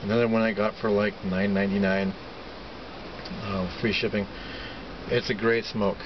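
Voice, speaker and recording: Low-voiced American man, muffled and noisy. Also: moderate pace. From California, United States. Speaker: vlogger reviewing pipe tobacco. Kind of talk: casual chat to camera. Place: inside a parked vehicle cab, outdoors by day. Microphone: camera at about arm's length or farther. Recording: muffled, with clear steady vehicle-like background noise.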